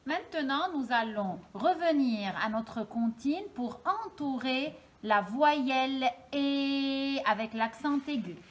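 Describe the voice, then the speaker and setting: Woman teacher for a children's lesson, slightly high voice, very slow and deliberate, repeats everything. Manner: slow, clear, repeats each word for pupils to follow. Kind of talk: slow, careful classroom lesson for young children.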